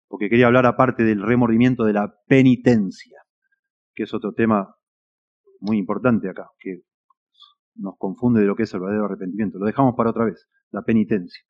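A man with a Rioplatense Spanish accent preaching a sermon, earnest and emphatic, his voice swelling and dropping in loudness. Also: fairly low pitch. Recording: dull lo-fi recording.

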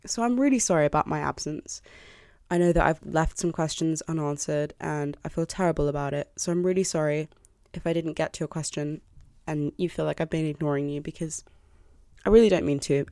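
Low, mellow young woman podcaster. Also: fairly quick, no room sound, clean studio sound. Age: early 20s. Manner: candid, apologetic, self-deprecating. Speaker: podcast host. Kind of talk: confessional solo podcast talk. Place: bedroom. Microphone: close podcast microphone.

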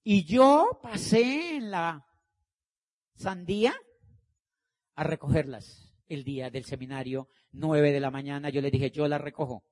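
A man's voice: a little high, slow, darkish tone. A middle-aged man speaking to an audience as a motivational speaker. He acts out the dialogue and hammers his points home with emphatic repetition. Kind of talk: animated storytelling talk.

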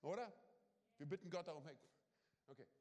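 A male pastor preaching a lively sermon at a church service, peppering his talk with quick asides to the congregation. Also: fairly high pitch. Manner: lively, punctuates with "hey", "come on" and "oder?"; acts out little quoted scenes. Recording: reverberant church hall.

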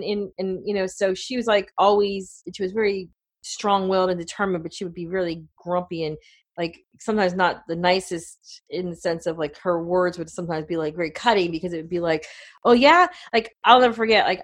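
A middle-aged woman co-hosting a radio talk show, telling family stories in a chatty way with lots of fillers. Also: fairly low pitch. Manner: chatty, storytelling, many fillers. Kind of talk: casual chat.

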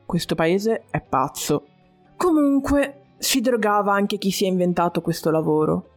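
A stiff, pragmatic young man caught off guard by his coworkers, as an audiobook narrator plays him. His lines come out terse and incredulous. Soft music plays faintly underneath. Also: medium pitch, lively intonation, measured pace. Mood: dry.

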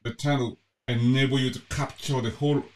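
A man's voice: mid-range voice, fairly even intonation, a little fast, a little hiss or hum. A man hosting a podcast interview, talking hesitantly and searching for his words. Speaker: podcast host.

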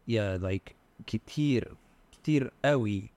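A man with an Egyptian Arabic accent, explaining word meanings in a conversational language lesson, in halting, piecemeal phrases. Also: fairly low pitch, a little mellow, no echo. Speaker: Arabic dialect co-teacher.

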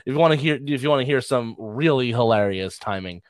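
A man's voice: medium pitch, lively intonation, brisk, no echo. A man, a comedian, telling rambling, self-deprecating stories in a casual podcast chat. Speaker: comedian guest.

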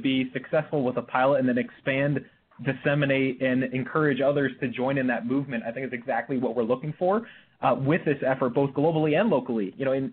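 Hesitant man on a phone line. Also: medium pitch. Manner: hesitant, many fillers and restarts. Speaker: guest. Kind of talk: conversational interview. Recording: phone-like line with faint hiss.

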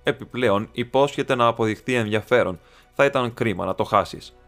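A man voicing a sharp male detective who speaks briskly and dryly. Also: mid-range voice, soft background music, close to an everyday voice. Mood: dry, assured. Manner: brisk, dry, confident. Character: sharp, dry male detective, self-assured.

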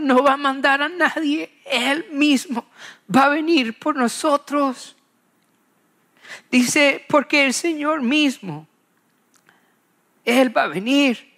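Slow, emphatic preacher repeating key phrases. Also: medium pitch, a bit bright. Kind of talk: expository Bible sermon.

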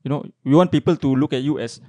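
A man explains haltingly in slangy Malaysian or Singaporean English during a casual podcast. His voice is relaxed and mid-pitched, with a dry, close sound. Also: dry recording.

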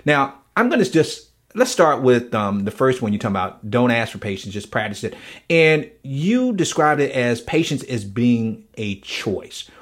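A man hosts an interview show and recaps his guest's points in an earnest, eager way. He often repeats words as he talks, and his voice is husky and somewhat breathy at a mid pitch. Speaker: podcast host. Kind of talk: conversational interview.

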